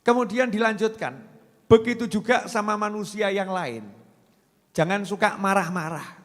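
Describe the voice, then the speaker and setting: A man's voice: high-pitched, normal speed. A man preaching a folksy, joking sermon, often putting questions to his audience. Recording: long reverb from a hall.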